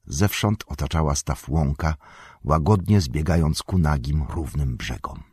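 Audiobook reader, man, very low, raspy voice, measured delivery. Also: a little mellow, dry recording, studio quality. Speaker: audiobook narrator. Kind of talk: scripted narration.

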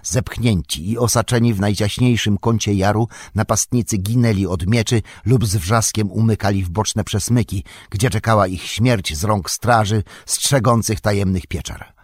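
Low husky male audiobook narrator. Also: a little mellow, dry recording, studio quality. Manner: measured, dramatic reading. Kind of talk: scripted narration of a fantasy novel.

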